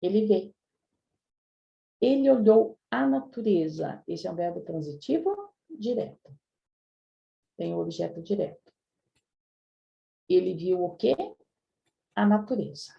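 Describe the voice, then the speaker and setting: A woman's voice: fairly low pitch, expressive, a little slow, vocal fry, long pauses, warm tone, muffled recording. A woman teaching a live online grammar review class, chatting with her students and often checking in with them. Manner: chatty, addresses students directly with frequent "né?". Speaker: Portuguese language teacher.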